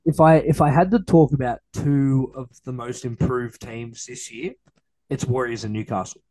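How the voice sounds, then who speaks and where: Casting: Australian man, casual sports podcast host, medium-pitched, blokey, chatty delivery. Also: fairly even intonation, normal speed, mellow, poor audio. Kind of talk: casual chatty match review.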